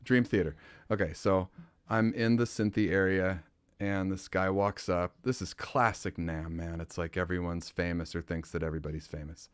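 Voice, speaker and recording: A man hosting a podcast in casual chat, an animated storyteller who swears and laughs often. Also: low voice, normal speed, clean tone, no echo. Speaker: podcast host.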